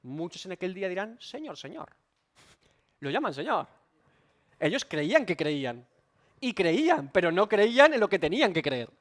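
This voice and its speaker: Pastor guy teaching a bible study, high animated voice, keeps rephrasing and asking questions. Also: normal speed, pauses often. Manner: emphatic, repeats and rephrases points, asks rhetorical questions. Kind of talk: expository Bible study sermon.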